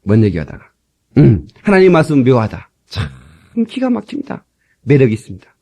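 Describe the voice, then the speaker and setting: A male pastor with a mid-range, warm voice delivers a chatty, joking sermon at a slightly quick pace, his pitch swinging widely as he breaks into dialect recitations. It was recorded in church on an old cassette tape.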